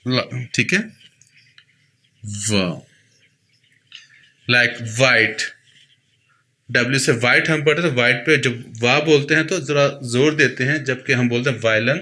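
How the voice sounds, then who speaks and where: Bright-voiced man teaching sounds. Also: medium pitch. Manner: patient, repeats each sound slowly for the learner. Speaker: pronunciation teacher. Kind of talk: explaining a lesson.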